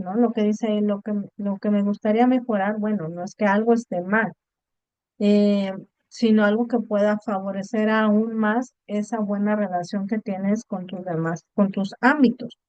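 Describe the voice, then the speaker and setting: A woman's voice: mid-range voice, darkish tone, smooth, dry recording, muffled recording. A woman teaching an online class, explaining patiently and checking in with her students often. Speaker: online course tutor. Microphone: video call.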